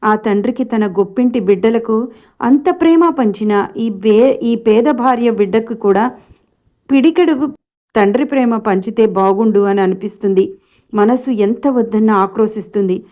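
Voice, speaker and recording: A woman's voice: fairly high pitch, normal speed, dark tone, close to an everyday voice. A woman voicing a grieving middle-aged mother who was left by her husband, speaking in a sorrowful, resigned way.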